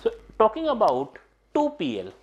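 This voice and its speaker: A middle-aged man with a voice that sits high and swings hugely in pitch teaches an exam-prep lecture at a digital whiteboard in a studio classroom. He talks at normal speed, repeats key points, and often turns to his students. The audio sounds dull.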